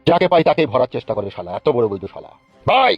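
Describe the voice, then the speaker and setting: A man dubs a comic cartoon as an angry, foul-mouthed village politician who bullies and threatens, speaking fast and blustering. His medium-pitched voice swoops wildly as he scolds and curses angrily. The recording is dull and lo-fi with no echo and music behind.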